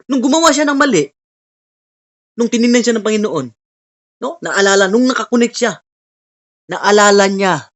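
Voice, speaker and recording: A woman preaching earnestly at an online Bible study over a video call, often tagging her lines with a questioning "no?". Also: medium pitch. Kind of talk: online sermon.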